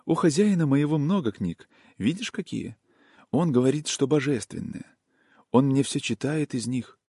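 Male reader doing a young peasant woman, soft, soothing, singsong, raised pitch, dry audiobook sound. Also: animated, normal speed, slightly rough, dry recording. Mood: tender. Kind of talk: audiobook reading.

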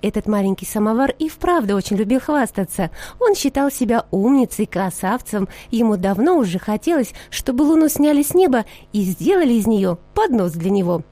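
A woman reading a fairy tale in a calm, expressive voice. Her tone is mellow and pitched a little high, recorded close and dry. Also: fairly quick, dry recording. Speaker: storyteller.

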